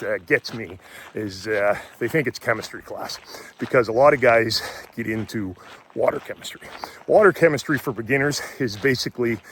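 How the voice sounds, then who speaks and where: A man's voice: mid-range voice, a bit bright, slight background noise. A man who runs a brew pub, talking casually and bluntly while walking and breathing hard, with loose rambling restarts and some swearing. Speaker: homebrewing vlogger and brew pub owner.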